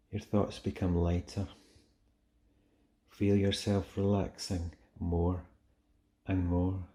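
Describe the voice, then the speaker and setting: A man guiding a relaxation meditation in a soft, soothing, gentle manner with long pauses. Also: low-pitched. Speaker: meditation guide. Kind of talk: guided relaxation meditation, soothing scripted narration.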